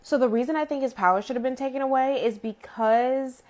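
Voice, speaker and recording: A woman's voice: high voice, brisk, a little mellow. A woman giving a casual, opinionated recap of a TV episode, chatty and full of "like" fillers, with exasperated asides. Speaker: TV show reviewer.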